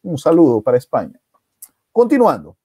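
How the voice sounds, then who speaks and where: Guy hosting a live stream, kinda dark mellow voice, dry close mic, tells the story all dramatic and keeps saying "¿no?". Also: a little high, moderate pace, husky, no room sound. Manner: animated, dramatic retelling with many rhetorical "¿no?" tags and restarts. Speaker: host of a live stream on past lives.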